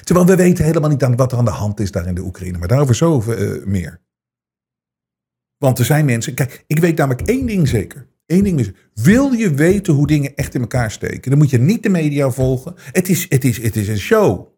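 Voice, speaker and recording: A man's voice: medium pitch, big pitch swings, fairly quick, mellow, husky. A man hosting his own show, ranting in an indignant, sarcastic way with many restarts and repetitions. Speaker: host. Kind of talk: ranting commentary.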